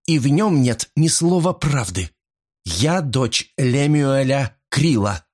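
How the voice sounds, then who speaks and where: A woman's voice: a bass voice, animated, slow pace, a little mellow, voice pushed up, full character voice. A man voicing a proud, fierce young woman, speaking defiantly in an audiobook. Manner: defiant, insistent.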